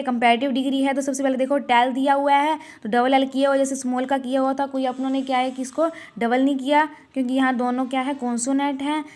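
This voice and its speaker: High-voiced woman drilling a grammar lesson. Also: darkish tone. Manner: repetitive question-and-answer drilling, calls students 'beta'; slow, drawn-out reading of example sentences. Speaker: school English teacher.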